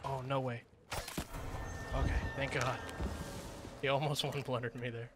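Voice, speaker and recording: A young man commentating his own gameplay, excitable and laughing, often yelling at the players he is fighting. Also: mid-range voice, moderate pace, very noisy. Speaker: gaming streamer.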